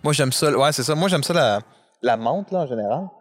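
A man with a Québécois French accent talks at length as a podcast guest, with a loose, rambling flow. He often pokes fun at himself, and his voice sits at an ordinary middle pitch. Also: lively intonation, fairly quick, no echo, studio quality. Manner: talkative, self-deprecating, rambling. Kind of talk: casual conversation.

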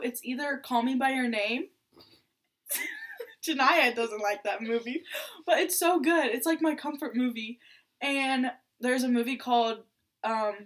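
Her voice is a little high and fairly bright as she giggles and fills her casual chat with fillers. She's a teenage podcast co-host, seventeen and born in Iraq.

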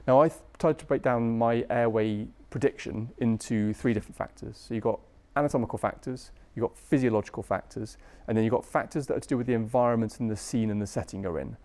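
Speaking quickly yet softly, a British man who is an anaesthesia registrar lectures on medicine in a mellow mid-pitched voice. He talks his points through casually, using everyday phrasing and lots of tag questions.

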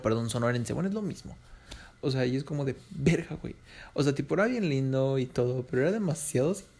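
A man's voice: medium pitch, vocal fry, a little mellow. A young Mexican man with a Mexican Spanish accent, rambling through a slangy, casual story. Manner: slangy, rambling, laughs between lines.

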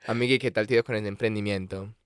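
A man trades campy, teasing jokes with a co-host. His voice is smooth and clear, recorded dry and close. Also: fairly low pitch, steady tone, rapid-fire, no room sound. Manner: playful, teasing, drag-persona chatter. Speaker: podcast co-host. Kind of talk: campy comedic banter.

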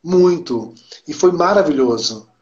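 A man with a Brazilian Portuguese accent, his voice sitting a bit higher than most men's. He talks in a casual, excited way, repeating words for emphasis and acting out the lines of other people as he tells his story. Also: measured pace, lo-fi sound. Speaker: podcast guest. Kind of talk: casual chat.

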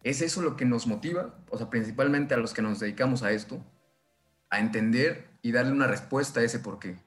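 A man's voice: medium pitch, brisk, faint music behind. Eager scientist man in casual talk. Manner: enthusiastic, agreeing, rambling. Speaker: scientist podcast co-host. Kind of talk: casual conversation.

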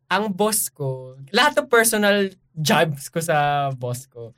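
A man chatting casually on a podcast, telling animated stories about work abroad and quoting people as he goes. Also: sits high, slow. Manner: animated storytelling, quotes people in put-on voices. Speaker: worker abroad.

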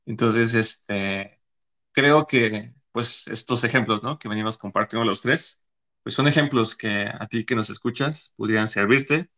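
A podcast host talks casually, rambling through his points with lots of filler words. He is a man with a bright, forceful voice at a middle pitch. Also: normal speed.

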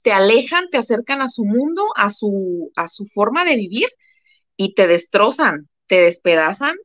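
A woman's voice: medium pitch, sing-song, moderate pace, fairly bright tone, dry recording. Woman, Mexican Spanish accent, casual live co-host, emphatic repetitions, dull dry recording. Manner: emphatic, repeats phrases for effect. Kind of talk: casual live-stream chat.

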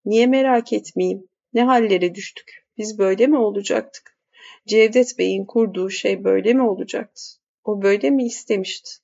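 A woman's voice: mid-range voice, normal speed, vocal fry, a little mellow. A woman voicing a fretful, muttering old grandmother. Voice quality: muttering, querulous. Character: elderly forgetful grandmother, suspicious, fretful. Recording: dull lo-fi audiobook recording.

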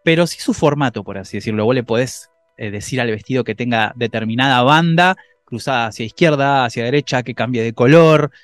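A man with an Argentine accent co-hosting a casual tech podcast, animated, his voice jumping up when excited. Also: mid-range voice, fairly quick, hardly any pauses, faint music behind. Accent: Argentine Spanish. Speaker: podcast co-host.

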